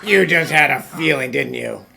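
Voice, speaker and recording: A man's voice: mid-range voice, expressive, normal speed, gravelly, sharp tone, heavily acted. A man playing a weary, dry-witted police inspector in an anime-style fan dub, grumbling and dry. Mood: dry, exasperated. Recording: music behind the voice.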